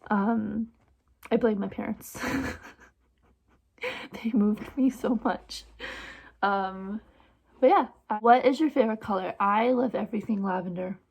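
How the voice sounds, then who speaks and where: A woman's voice: mid-range voice, measured pace, vocal fry, long pauses, darkish tone. A woman in her twenties with a mixed Trinidadian and New Jersey accent, answering viewer questions in a casual, self-deprecating vlog. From born in Trinidad and Tobago, raised in New Jersey. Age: 20s. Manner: self-deprecating and giggly, with filler-heavy rambling. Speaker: vlogger and photographer.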